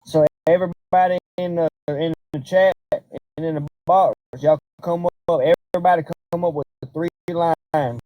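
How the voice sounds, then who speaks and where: A man's voice: a little high, fairly even intonation, moderate pace, warm tone, no room sound. A man hosting a casual livestream, talking in a laid-back, slangy way as he directs his chat. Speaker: livestream host.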